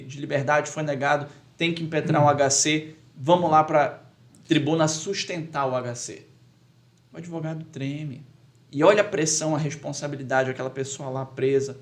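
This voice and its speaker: A lawyer from Pará, Brazil, who also teaches public speaking, answers questions as a podcast guest. He talks emphatically in a slightly high voice and grows loud when acting out a courtroom plea.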